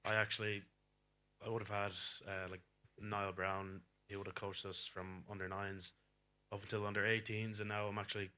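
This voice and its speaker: Deep-voiced young Galway Irish man. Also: level tone, normal speed, pushed and bright. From Galway, Ireland. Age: young adult. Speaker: professional rugby player, interview guest. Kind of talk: casual interview talk.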